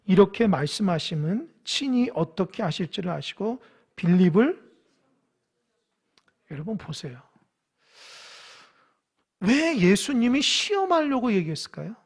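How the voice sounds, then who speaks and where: A man delivers a sermon in a church in a high, husky voice. He talks to the congregation as if in conversation and keeps asking them questions. He acts out the lines of the biblical figures he is describing. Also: big pitch swings, a little slow, pauses often. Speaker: pastor. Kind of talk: sermon at a Wednesday church service. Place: church sanctuary.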